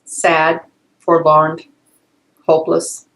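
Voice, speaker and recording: An older woman with a somewhat low voice talks through her memories in a session. She rambles and hesitates, often breaking into laughter. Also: monotone, drawn-out words, a bit bright, poor audio. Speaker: client in a healing session.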